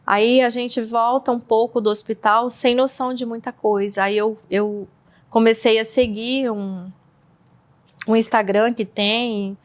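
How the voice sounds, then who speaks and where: Gravelly-voiced woman giving a halting testimony. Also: fairly high pitch. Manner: halting, restarts often, leans on fillers. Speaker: interview guest. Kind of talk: personal testimony in conversation.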